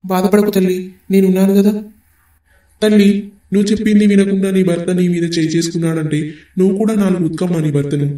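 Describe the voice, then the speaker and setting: A man's voice: high-pitched, little pitch movement, fast talker, mellow, roomy sound, distant mic, natural voice. A man voicing a kindly male god in a cartoon who reassures a devotee in a fatherly tone. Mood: soothing.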